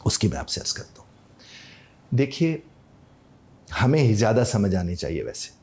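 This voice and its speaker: Mellow-voiced man explaining. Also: on the low side, very animated, normal speed. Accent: Pakistani Urdu. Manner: acts out short dialogues to illustrate points. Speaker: life coach and English trainer, guest. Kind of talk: explanatory interview talk.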